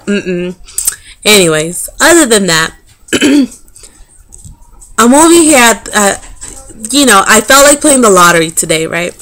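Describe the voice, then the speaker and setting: Sassy woman vlogger, a touch high. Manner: animated, profane, laughing storyteller; sassy, dismissive asides. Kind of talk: casual storytelling to camera.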